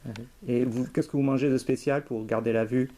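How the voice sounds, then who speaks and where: A man with a dark, mellow voice at a middling pitch. He chats casually as an informal interviewer, dropping short acknowledgements and questions, picked up on a hidden mic. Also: steady tone, brisk, a little hiss or hum. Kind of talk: casual conversation. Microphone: hidden camera microphone.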